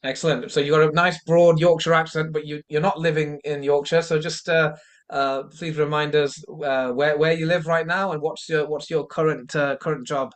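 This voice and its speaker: Male interviewer with halting, wordy questions. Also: on the high side, little pitch movement. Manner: hesitant, wordy questions with repeated phrases. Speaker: interviewer, coach. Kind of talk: informal interview hosting.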